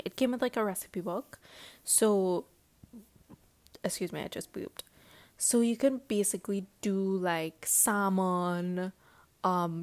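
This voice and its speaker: A woman hosting a casual solo podcast, rambling and giggly, with lots of fillers. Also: lowish voice. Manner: rambling and chatty, heavy with fillers; giggly and excitable. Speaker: podcast host.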